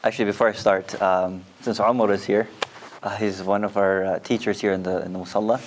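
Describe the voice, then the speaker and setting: A man with a low, level voice talks fast and informally, with faint noise behind him. He speaks as an imam handing off to a colleague at a community event. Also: flat delivery. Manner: quick and informal. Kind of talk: casual remarks at an event.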